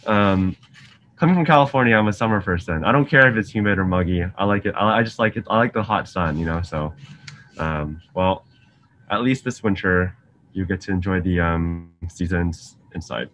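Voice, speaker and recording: Speaking at a normal pace in a deep, slightly bright voice, this young graduate student from Singapore gives his students a relaxed online science lesson. A little hiss or hum comes through his video call webcam in the indoor lab office with shelves. He stays friendly and talkative, fills gaps with frequent ums and often questions the students.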